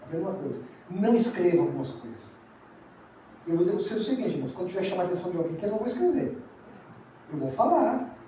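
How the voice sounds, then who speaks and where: High-voiced Brazilian pastor in an echoey church. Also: male voice, big pitch swings, quick pace, long pauses, dark tone, a little hiss or hum. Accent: Brazilian Portuguese. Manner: conversational preaching, repeats phrases and asks the congregation questions. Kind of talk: sermon. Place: church sanctuary. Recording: very echoey, distant, dull church recording.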